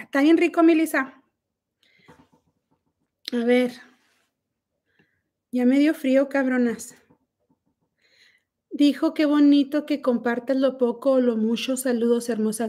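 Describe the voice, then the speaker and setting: Brash, profane high-pitched Mexican woman. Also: darkish tone. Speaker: livestream host. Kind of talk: casual livestream chat.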